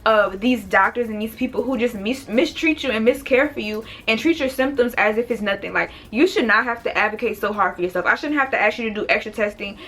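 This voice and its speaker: A woman's voice: a little high, fairly quick, hardly any pauses, fairly bright tone, a little hiss or hum. A young woman candidly telling her own story to viewers, speaking straight to them. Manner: candid, talks to viewers directly. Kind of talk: casual storytelling to camera.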